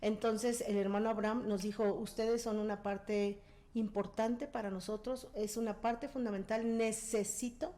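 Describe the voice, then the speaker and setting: A woman's voice: mid-range voice, normal speed. A woman, telling a personal story as a guest and acting out the dialogue. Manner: animated storyteller, acts out quoted dialogue. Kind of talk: casual testimony.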